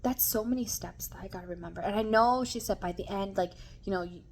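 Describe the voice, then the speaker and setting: A woman's voice: mid-range voice, quick pace, slight background noise. A young woman chatting casually in a mukbang vlog, rambling and talking with her mouth full. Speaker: vlogger.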